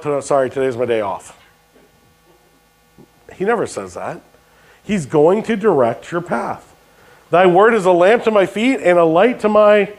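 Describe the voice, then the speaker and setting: High-voiced man preaching a sermon. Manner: call-and-response questions to the congregation; jokey asides. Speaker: pastor.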